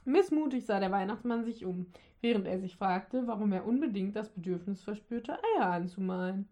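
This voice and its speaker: A woman narrating a humorous Christmas story aloud, lively, with the odd slip and restart. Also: mid-range voice, moderate pace. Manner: lively reading with occasional slips and restarts. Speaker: audiobook narrator.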